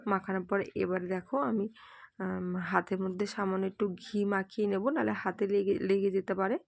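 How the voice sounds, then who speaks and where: A young adult woman narrating a home cooking video in a casual voice-over, halting and full of fillers, her throat strained and catching. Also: medium pitch, flat delivery, vocal fry, darkish tone, dry recording. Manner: hesitant, many fillers. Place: home kitchen, voice-over recorded at home by day.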